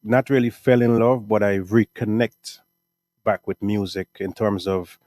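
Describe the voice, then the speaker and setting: A middle-aged man with a Guyanese accent answers interview questions in a relaxed, meandering way, punctuating thoughts with "right?" and "um." His voice sits on the low side and sounds dry and close to the mic. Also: measured pace, no room sound. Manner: relaxed, rambling, frequent "right?" and "um". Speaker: music artist and producer.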